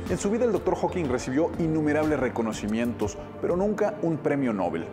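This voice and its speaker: A man's voice: on the high side, big pitch swings, fairly quick, music in the background. A man delivering scripted report narration.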